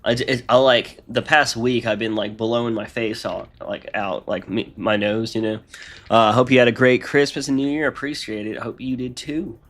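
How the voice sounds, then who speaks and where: A man's voice: mid-range voice, steady tone, moderate pace, fairly bright tone. A man with a congested, nasal voice, chatting casually on a live stream as he rambles through his modding work aloud.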